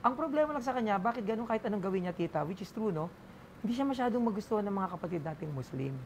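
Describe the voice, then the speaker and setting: Filipino-accented male comedian guest, chatty and animated, light background noise. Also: high-pitched, racing. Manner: animated joke-telling, mixes English into Filipino, laughs often. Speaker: lawyer and stand-up comedian guest. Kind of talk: casual interview storytelling.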